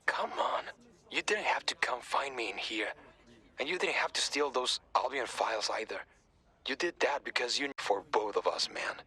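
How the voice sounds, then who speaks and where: Young male game hacker: bright, husky voice, stubborn, urgent, casual and sweary. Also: medium pitch, lively intonation, moderate pace, full character voice. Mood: grateful, sincere. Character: earnest young male hacker activist, stubborn, big-hearted.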